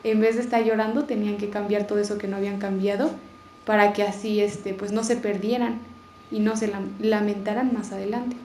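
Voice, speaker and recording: A woman's voice: mid-range voice, flat delivery, brisk, darkish tone. A woman reflecting on scripture in casual talk, hesitant and full of fillers and self-corrections. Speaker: participant in a Bible conversation. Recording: echoey room with faint noise.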